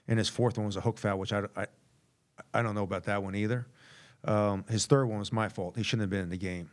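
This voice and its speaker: Low flat-voiced coach, rambling. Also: male voice. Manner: candid, rambling, repeats words while thinking. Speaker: head basketball coach. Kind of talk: postgame press conference answers. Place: press conference room. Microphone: table mic.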